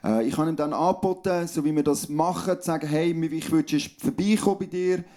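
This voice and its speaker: Swiss German pastor with a dark, mellow voice. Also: male voice, fairly high pitch, fairly quick. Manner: conversational storytelling, calm and personal. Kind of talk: sermon.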